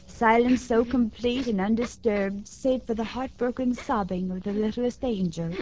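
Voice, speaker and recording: A woman reading a children's story aloud in a gentle, expressive way as host of a radio program, heard from an old broadcast disc recording. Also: fairly high pitch, normal speed, a little hiss or hum. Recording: dull lo-fi 1950s radio transcription with music.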